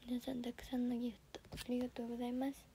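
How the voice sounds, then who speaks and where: A teenage girl with a Kansai accent, livestreaming for an audition and politely answering viewer comments in a soft, often half-whispered voice. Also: on the high side, completely flat delivery, rapid-fire, slight background noise. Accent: Kansai Japanese. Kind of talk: casual livestream chat reading viewer comments. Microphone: phone camera.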